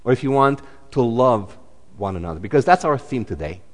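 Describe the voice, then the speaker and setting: A man's voice: mid-range voice, animated, a little fast, in a large hall. A man, preaching a sermon in a chatty way, full of fillers and restarts. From Romania. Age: 40s. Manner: conversational, many fillers and restarts. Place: church.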